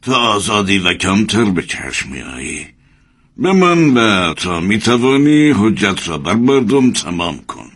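An actor playing a grave, wise older male leader who speaks in a solemn, measured way. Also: on the low side, big pitch swings, fairly bright tone.

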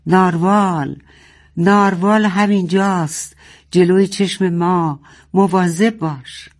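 A woman's voice: sits low, lively intonation, darkish tone, breathy edge, exaggerated voice. A woman voicing an anxious child in a submarine who talks urgently and stammers.

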